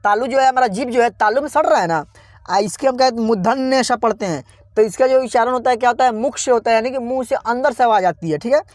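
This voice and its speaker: A man teaching beginners online, spelling out words slowly and repeatedly asking viewers how to read them, calling them friends. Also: very high-pitched, dry recording. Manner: slow, repetitive spelling-out, constantly quizzing viewers. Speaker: English teacher. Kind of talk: online beginner lesson, reading words aloud.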